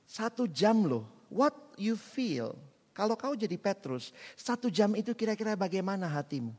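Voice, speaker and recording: A man preaching a sermon in an animated way, acting out quoted dialogue and swinging between loud and soft passages. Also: high-pitched, moderate pace. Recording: long hall reverb.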